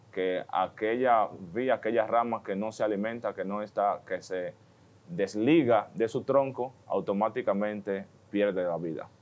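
A man who speaks for those with a religious vocation on a TV panel. He explains the Gospel in a thoughtful, step-by-step way, often linking his points with "entonces.". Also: lowish voice.

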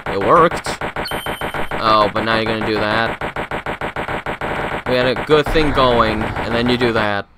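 A man giving casual, excitable commentary while playing a bullet-dodging game, reacting with jokey exclamations. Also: fairly low pitch, a little slow, pauses often, heavy background noise. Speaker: gameplay commentator. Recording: loud game sound effects behind.

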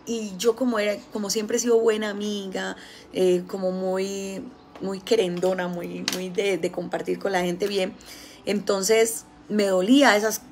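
A woman with a Colombian accent giving a casual spiritual talk, telling stories with lively, acted-out quotes. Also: medium pitch, a little hiss or hum. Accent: Colombian Spanish. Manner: animated storytelling, acting out quoted voices. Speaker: spiritual healer.

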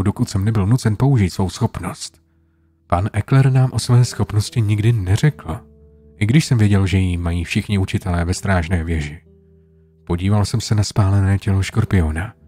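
A man narrating a horror story in a low, hushed storytelling manner, over soft guitar music. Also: husky. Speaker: creepypasta narrator.

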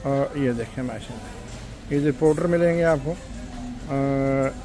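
This is a casual shopping vlog in which a man walks the supermarket aisles listing prices. His mid-range voice is warm and slow, and he keeps things chatty, politely dropping in "ji" and "janab" along the way. Behind him, the shop is noisy.

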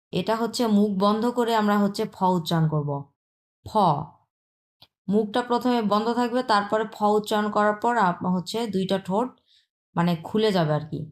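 A woman from China, teaching a pronunciation lesson and patiently repeating sounds one by one. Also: mid-range voice. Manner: patient, repeats sounds slowly, asks "হ্যাঁ?" often. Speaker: Chinese language teacher.

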